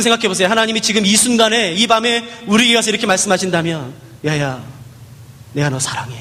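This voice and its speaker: A man's voice: very high-pitched, bright, forceful tone, big-room sound. A man preaching a sermon, telling a story with acted dialogue and dramatic rises and falls.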